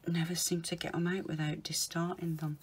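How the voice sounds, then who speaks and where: A woman talking viewers through a polymer clay project, chatting casually, calling them guys and murmuring softly to herself as she works. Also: lowish voice, little pitch movement, brisk, slight background noise. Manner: chatty, often calls viewers guys, mutters softly to herself while working. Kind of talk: casual crafting tutorial.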